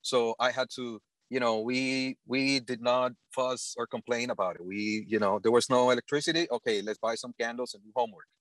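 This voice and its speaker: A middle-aged man from the Dominican Republic, a panel guest speaking earnestly and haltingly in casual conversation. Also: medium pitch, fairly even intonation, a bit bright, no echo. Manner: earnest, halting, with frequent restarts.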